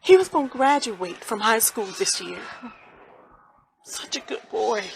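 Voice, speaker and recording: A woman acting a grieving mother in a stage play, speaking colloquially and swinging between hushed grief and angry outbursts. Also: on the high side, sing-song, moderate pace, creaky, a little hiss or hum, low-quality recording. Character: grieving mother, raw with sorrow and rage. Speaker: mother of a son shot by police.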